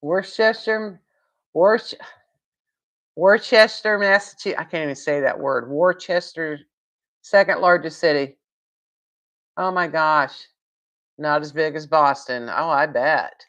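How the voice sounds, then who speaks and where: A woman's voice: low-pitched, normal speed, fairly bright tone. A woman hosting a casual live stream from home, rambling, laughing and answering viewer comments.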